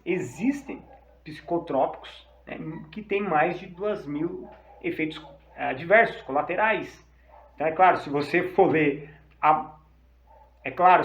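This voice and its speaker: A Brazilian man, a psychologist, explaining treatments in an informal, conversational way and checking in with "tá?" and "né?". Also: sits high. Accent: Brazilian Portuguese. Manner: informal, often adding "tá?" and "né?". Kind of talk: explanatory talk to camera. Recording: echoey room, slightly dull sound.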